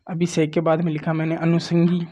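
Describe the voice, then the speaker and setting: A man from Rajasthan gives a brisk grammar lecture at a board, his high-leaning, warm voice completely flat in delivery and the audio dull. He coaxes students plainly, often saying "देखो" and "ठीक है".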